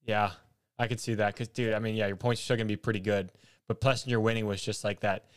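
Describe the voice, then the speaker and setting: A man's voice: on the low side, little pitch movement, fast talker, no room sound, clean studio sound. A man hosting a casual podcast with bro-ish slang and some swearing. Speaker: podcast host.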